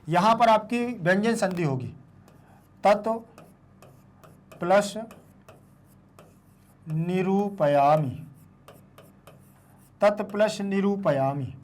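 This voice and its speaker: A man teaching a lesson in a raised, high voice. He works through each step patiently, repeats every question back as he answers it, and sounds out words one syllable at a time. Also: expressive, slow, long pauses. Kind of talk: classroom explanation.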